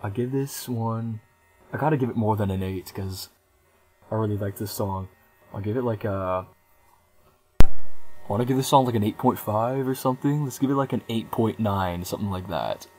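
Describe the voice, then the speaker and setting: A young man in his twenties talks through an album review in a loose, unscripted way. His voice sits a bit low, and he pauses often with ums and restarts his sentences. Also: darkish tone. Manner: rambling, hesitant with many ums. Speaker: music reviewer. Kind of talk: casual album review vlog.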